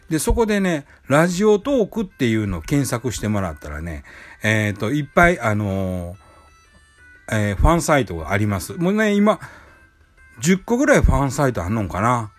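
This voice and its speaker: Rambling Kansai man, lively pitch. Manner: rambling, many fillers and restarts. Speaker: podcast host. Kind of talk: casual solo talk. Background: faint background music.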